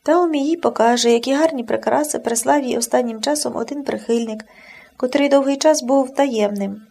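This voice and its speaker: A woman narrating an audiobook in an expressive, measured reading. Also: high-pitched, gravelly, slightly rough.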